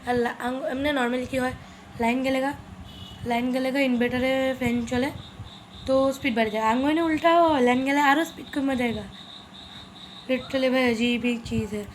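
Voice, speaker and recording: Young woman vlogger, quick, flat-toned chatter, phone mic at home. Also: high-pitched, a little hiss or hum. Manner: chatty, often speaks softly. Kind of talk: casual home vlog. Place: at home, indoors.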